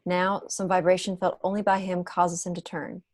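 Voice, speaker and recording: A woman reads a script's stage directions aloud in a fairly low voice with little pitch movement, at a normal speed. The recording is dry and close, like a video call.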